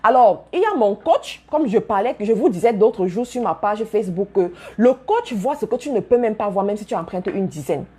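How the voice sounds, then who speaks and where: Emphatic woman coach with a husky voice. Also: medium pitch, animated, fairly quick, hardly any pauses, dark tone. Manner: emphatic, repeats key phrases, addresses listeners directly. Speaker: business coach. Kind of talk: motivational talk to followers.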